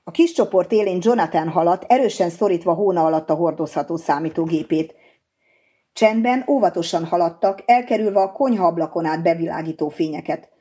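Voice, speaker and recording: A woman narrating an audiobook in an even, measured reading. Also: fairly low pitch, husky.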